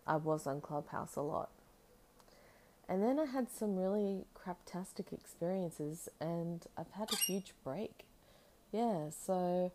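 A woman podcast host chatting casually and intimately to her pet bird, doting and rambling, with soft tag questions. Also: lowish voice, slight background noise.

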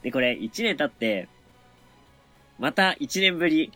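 A man's voice: on the high side, expressive, unhurried, bright, forceful tone, faint music behind. A man co-hosting a podcast, telling stories in a chatty, easygoing way. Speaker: podcast co-host. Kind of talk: casual podcast chat.

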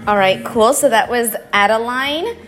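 A woman's voice: on the high side, a little slow, a bit bright. A woman co-hosting a casual music chat, giving brief, upbeat replies and asking about the songs. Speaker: co-host.

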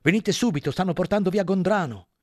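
Guy doing a gruff old donkey, yelling in a panic, high and strained. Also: fast talker, no echo, clean studio sound. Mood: alarmed. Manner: shouting in alarm, urgent. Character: old cynical male donkey, gruff and blunt.

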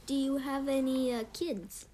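A woman's voice: high voice, fairly even intonation, measured pace, warm tone, low-quality recording. A woman playing a prim, fussy talk show hostess in an improvised comedy interview. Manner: prim and fussy, correcting her guest. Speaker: host.

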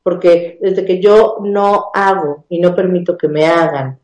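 Mexican woman explaining, mellow and roomy. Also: fairly low pitch, unhurried. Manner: explanatory, many restarts and tag questions. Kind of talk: casual conversational explanation.

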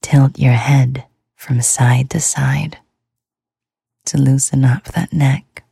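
A woman hosting a sleep podcast, talking in a soft, soothing whisper. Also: rumbling low, fairly even intonation, takes it slowly, vocal fry, husky, no echo. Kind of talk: whispered ASMR sleep talk.

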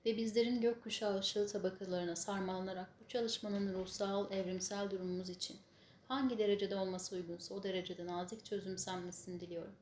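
A woman with a mid-range voice guides a spiritual healing meditation. She gives instructions and prayers in measured, solemn phrases. The room is echoey, with faint noise behind her. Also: mid-range voice, steady tone. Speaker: spiritual healing session leader.

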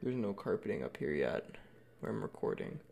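Guy with a gravelly voice rambling about a movie, echoey bare room, no carpet. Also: fairly low pitch, sing-song, normal speed, darkish tone. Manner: rambling, self-correcting, chatty. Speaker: film commentator. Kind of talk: casual commentary while watching a film. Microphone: headphones while recording.

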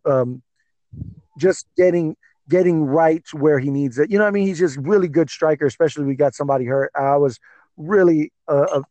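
A man co-hosting a podcast, chatting casually about fights in an excitable, rambling way with many fillers. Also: on the high side, no echo. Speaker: podcast co-host. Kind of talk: casual sports chat.

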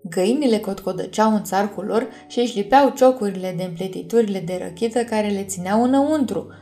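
A woman narrating a fantasy audiobook in a calm, measured reading. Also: medium pitch. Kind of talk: scripted storybook narration.

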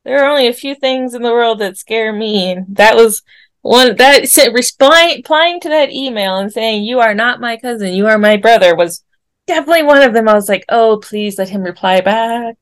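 A woman in her forties telling a personal story on a podcast, animated and laughing often as she acts out what people said. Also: on the high side, a little fast, smooth, no room sound. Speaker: podcast guest. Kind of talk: casual storytelling.

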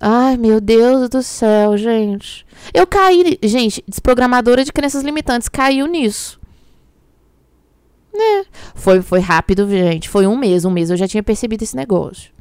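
A woman with a Brazilian Portuguese accent, a belief coach speaking candidly to her audience about relationships, emphatic and expressive. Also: fairly high pitch, unhurried, smooth, no room sound, studio quality. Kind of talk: candid direct-to-camera relationship talk.

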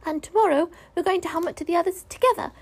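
A woman's voice: extremely high pitch, fast, voice pushed up. A woman voicing a small, timid young male piglet in a children's storybook, eager and earnest but hesitant. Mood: pensive, unsure.

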